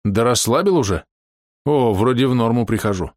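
A man's voice: medium pitch, lively intonation, normal speed, darkish tone, dry recording, studio quality, pitched above the performer's own voice, close to an everyday voice. A man reading an audiobook, voicing an eager young soldier with short, simple replies.

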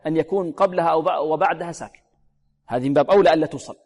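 A man teaching Quran recitation rules. He draws out each example word slowly, repeats it many times, and asks questions that he then answers himself. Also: fairly high pitch, a little mellow, big-room sound. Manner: slow, drawn-out demonstrations of words, repeated many times. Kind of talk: tajweed lesson with recited examples.

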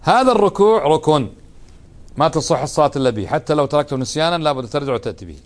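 A man's voice: a little high, animated, very fast. A man teaching a religious lesson, often putting questions to his students. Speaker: Islamic teacher.

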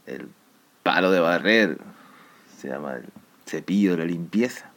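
Bright-voiced Canarian man explaining slang. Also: deep voice, measured pace. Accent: Canarian Spanish. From Canary Islands. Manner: lively, drops often into near-whispered asides. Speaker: podcast host. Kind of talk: casual explanation of local slang.

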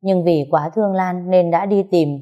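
A woman voicing a nervous middle-aged son, speaking slowly and stammering as he pleads and apologizes. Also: fairly low pitch, fairly even intonation, lo-fi sound, lightly acted. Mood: pleading.

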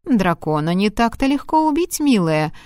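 A woman voicing a brash, boastful male dragon in human form in an audiobook, speaking in a lowered, smug voice. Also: very animated, normal speed, a little mellow, smooth, dry recording, clean studio sound, natural voice.

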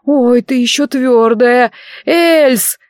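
A woman voicing the excitable ghost of a former male cook, shouting in loud, drawn-out exclamations. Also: sits high, no echo, clean studio sound, voice pushed up. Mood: excited shouting.

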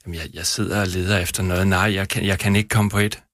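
A man's voice: low-pitched, flat delivery, a bit bright, no room sound, studio quality. A man talking as an author on a radio show, stammering and repeating words as he searches for what to say. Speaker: author reading his book. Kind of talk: casual radio interview talk. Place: radio studio.

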